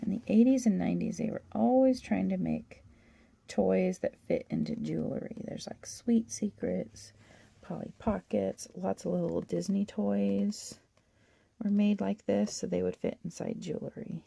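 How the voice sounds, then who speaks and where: A woman hosting a toy-collecting channel, chatting and gushing through a catalog in a hoarse voice. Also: mid-range voice, normal speed, mellow, no echo. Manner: chatty, gushing, with little laughs. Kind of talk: casual show-and-tell of a toy catalog.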